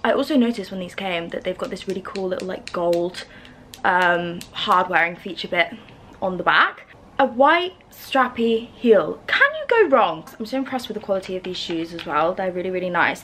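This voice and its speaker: A woman's voice: mid-range voice, lively intonation, normal speed, fairly bright tone. Scatty, hungover young woman vlogging, noisy recording. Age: early twenties. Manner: playful, gushing slang. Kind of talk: casual chatty vlog to camera.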